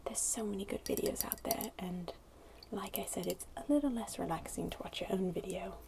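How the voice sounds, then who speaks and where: At a brisk pace and in a mid-range voice, a woman gives a casual, hesitant ASMR chat to viewers, keeping it to a very soft, breathy, hushed near-whisper. The ASMR creator is indoors at a wooden table, and clicky fingernail tapping and scratching on a glass bottle runs over her close voice.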